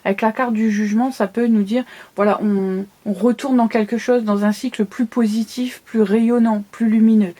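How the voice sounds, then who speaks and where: A woman's voice: on the high side, steady tone, normal speed, dark tone. A woman with a lisp from new dental braces, giving a casual, conversational tarot reading and often checking that the listener follows. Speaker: tarot card reader.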